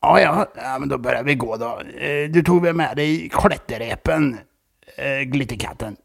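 A man's voice: mid-range voice, vocal fry, dry recording, studio quality. A man voicing a nervous male vole in a children's story, hesitant and full of fillers.

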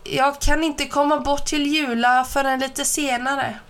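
A woman voicing a shy, gentle young schoolgirl who speaks quietly and hesitantly. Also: high voice, fairly even intonation, pitched above the performer's own voice.

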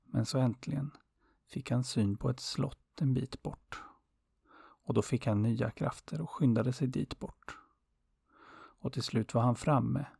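A man narrating a fairy tale in a calm, unhurried, softly expressive way, with a husky voice. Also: mid-range voice, no room sound, studio quality. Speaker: storyteller.

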